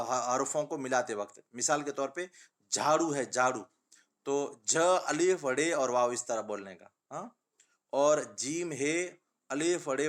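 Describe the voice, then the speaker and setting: A patient male teacher walks children through letters and word lists in a steady sing-song. He asks his own questions and answers them, speaking a tinge. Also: fairly high pitch. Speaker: Urdu teacher. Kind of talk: children's reading lesson.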